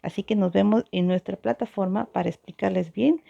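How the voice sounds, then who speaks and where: A woman's voice: medium pitch, brisk, creaky, mellow. A woman teacher explaining storytelling in an online class, often checking in with her students through tag questions. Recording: dull lo-fi recording.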